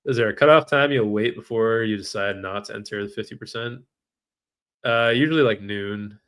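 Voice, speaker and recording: A man's voice: fairly low pitch, moderate pace, a bit bright. A man trading live on a stream, reading out viewer comments and venting when trades go against him. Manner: frustrated, talks to chat while reading comments. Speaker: livestream trader.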